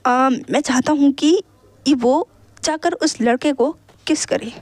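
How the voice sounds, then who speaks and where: A woman's voice: high-pitched, slow pace, darkish tone, dry recording. A woman voicing a scheming, playful young guy. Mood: cajoling. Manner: cajoling, easygoing.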